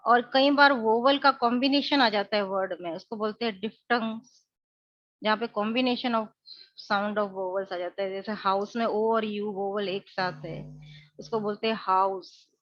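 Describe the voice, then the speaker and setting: A woman's voice: mid-range voice, steady tone, no room sound, highs cut off. A woman teacher, explaining an English lesson in Hindi mixed with English. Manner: slows right down on English phrases.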